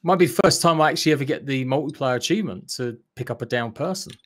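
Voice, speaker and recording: A man's voice: mid-range voice, fast. A British man chatting casually and jokily with friends while playing a multiplayer game. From Britain. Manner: jokey, bantering. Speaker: gaming streamer. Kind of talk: casual multiplayer gaming chat.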